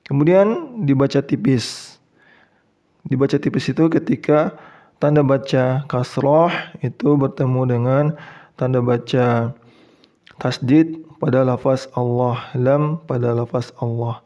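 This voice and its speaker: A man teaching Quran reading step by step, with an Indonesian accent, who speaks patiently, repeats each example and chants the key words drawn out and louder. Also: mid-range voice, a little slow, pauses often, highs cut off. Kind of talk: slow step-by-step tutorial.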